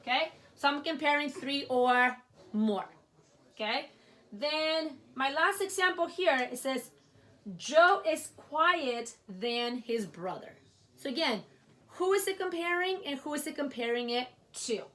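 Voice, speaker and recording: A woman's voice: high-pitched, sharp tone. A woman teacher giving a grammar lesson, speaking patiently and checking in with "okay?" while writing at a board. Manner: slow, patient, repeats "okay?" often. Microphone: writing at a board while talking.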